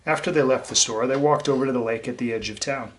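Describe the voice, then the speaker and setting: A man reading a children's story speaks fast at a medium pitch. He's a teacher sharing a picture book with young listeners, explaining things to them in plain, simple terms.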